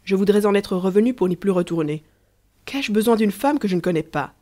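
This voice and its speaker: A woman voicing an earnest, blunt male farm laborer, gruff and emphatic in a storybook reading. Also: medium pitch, expressive, fairly quick, mellow, lightly acted. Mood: grumbling.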